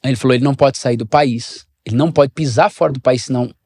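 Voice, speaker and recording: A man with a Brazilian accent, a pastor and former footballer, telling animated stories in a podcast interview and acting out the voices of people he quotes. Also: mid-range voice, fast, slightly rough, no room sound. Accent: Brazilian Portuguese.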